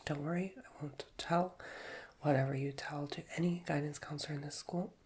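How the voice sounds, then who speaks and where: Whispering through a nasal voice that's a little high and darkish, a man talks fairly quickly in a steady tone. He plays a chatty school guidance counselor in an ASMR roleplay, rambling and self-deprecating while he recovers from a cold.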